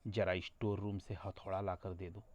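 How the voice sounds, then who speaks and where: A man voicing a motherly middle-aged woman neighbor who is affectionate and quick to scold. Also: sits low, flat delivery, darkish tone, lo-fi sound, close to an everyday voice.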